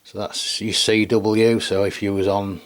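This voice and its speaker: Demonstrating a product hands-on, an English-accented radio reviewer and video host from England rambles casually, using colloquial phrasing and often ending on tag questions. His fairly low voice stays level and unhurried.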